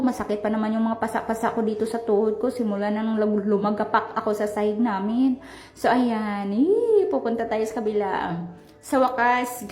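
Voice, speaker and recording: A young woman from the Philippines, a travel vlogger chatting to her viewers while walking outdoors, animated and talkative. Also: on the high side. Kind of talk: casual vlog chat while walking. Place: outdoors on a street. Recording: echoey, roomy sound.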